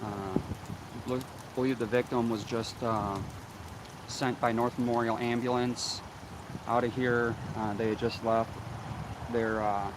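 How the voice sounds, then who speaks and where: Male street reporter, unscripted breaking news, halting speech, little pitch movement, heavy wind and vehicle noise outdoors. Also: flat delivery. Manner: halting, repeats himself. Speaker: local news livestream reporter. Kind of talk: live on-scene breaking news update, unscripted. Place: outdoors on a street at an active scene.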